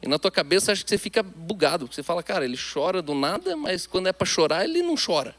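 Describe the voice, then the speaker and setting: High-voiced Brazilian pastor preaching emphatically. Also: male voice, very animated, racing. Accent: Brazilian Portuguese. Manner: emphatic, with sudden swings between loud and hushed. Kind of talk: sermon.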